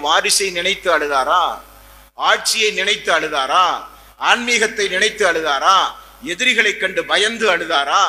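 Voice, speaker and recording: A man's voice: high voice, pushed and bright. A man from Tamil Nadu preaching a sermon with passion, repeating phrases and asking rhetorical questions. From Tamil Nadu, India. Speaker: Islamic preacher. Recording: long hall reverb.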